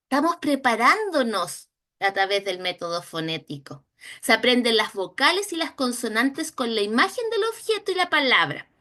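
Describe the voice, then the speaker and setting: A Chilean woman teaching a recorded training lesson on early reading, slowly sounding out letters and syllables. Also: medium pitch, bright, forceful tone. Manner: slow, drawn-out modeling of sounds and syllables. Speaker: instructor.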